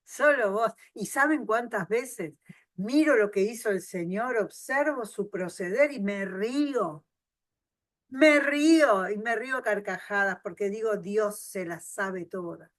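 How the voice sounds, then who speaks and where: A woman pastor, preaching a sermon and swinging from loud emphasis to soft asides. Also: medium pitch, a little slow, no echo.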